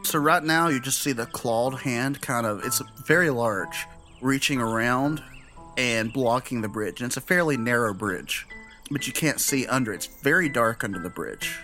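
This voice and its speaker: A man's voice: mid-range voice, moderate pace, pushed and bright, faint music behind. Man casually narrating as game master. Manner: explanatory, conversational.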